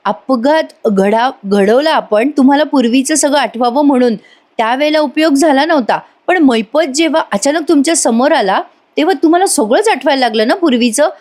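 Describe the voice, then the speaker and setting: A woman's voice: sits high, lively intonation, brisk, a little mellow, voice pushed up. A woman reading the lines of an earnest young wife from a serial, in a questioning way. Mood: probing.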